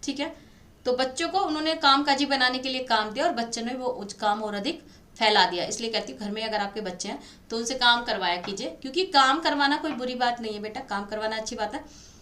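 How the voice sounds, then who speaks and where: A woman's voice: on the high side, fairly quick, bright, forceful tone. A woman teacher running an exam-prep lesson, reading quiz questions and their options aloud, then confirming the answer and addressing her students affectionately as "beta". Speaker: Hindi teacher. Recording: echoey room, faint background noise.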